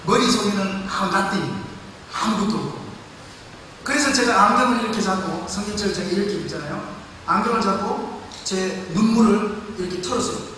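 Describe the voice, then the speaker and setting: A man preaching a sermon as a pastor, telling a story in an animated way and acting out the voices in it. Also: high-pitched, a little fast. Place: large church hall. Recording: echoey hall, far from mic, faint noise.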